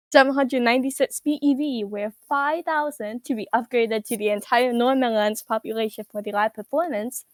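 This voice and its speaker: A vain, self-crowned evil queen diva, squeaky-high and pitch-shifted through a voice changer. She talks down to everyone in a haughty, bragging way and drops swear words. The sound is close and dry, with no room around it. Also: no room sound. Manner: haughty, self-aggrandizing, swears and laughs mid-sentence. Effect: voice changer pitch-shifting her voice. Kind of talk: comedic character roleplay.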